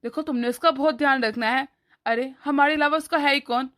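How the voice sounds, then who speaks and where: A woman's voice: high-pitched, fairly even intonation, fairly quick, fairly bright tone. A woman doing a protective cartoon brother. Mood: caring. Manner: firm, scolding yet affectionate. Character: caring protective older brother, young man. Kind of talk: animated cartoon voice acting.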